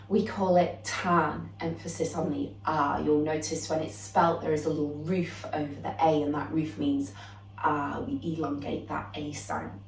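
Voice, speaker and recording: A young woman, a yoga teacher calmly explaining the theme of her practice with the odd "um". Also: fairly low pitch, far from the mic, a little hiss or hum. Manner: calm, explanatory, with frequent "um" fillers. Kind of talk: yoga lesson introduction. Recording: roomy echo, voice a bit off-mic.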